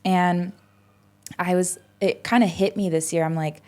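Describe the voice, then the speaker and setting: Soft-voiced young woman chatting reflectively. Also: on the low side, steady tone, unhurried. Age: 20s. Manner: reflective, rambling with many fillers and restarts. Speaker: podcast guest. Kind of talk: casual conversational interview.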